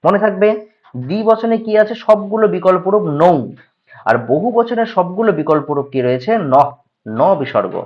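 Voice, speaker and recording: A man with a Bengali accent teaching Sanskrit grammar, reciting word forms in slow drilled lists and quizzing his listeners. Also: sits high, expressive. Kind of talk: grammar lesson, reciting declensions. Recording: dull lo-fi audio.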